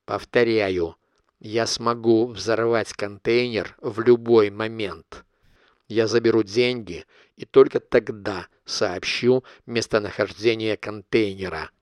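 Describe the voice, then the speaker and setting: A cold, calculating blackmailer, as an audiobook reader plays him, laying out his terms in cool clipped phrases. The voice sits fairly low and sounds smooth and resonant. The recording is close and dry, with no room sound. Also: steady tone, takes it slowly, no echo. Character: cold calculating male blackmailer, middle-aged. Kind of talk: audiobook character reading.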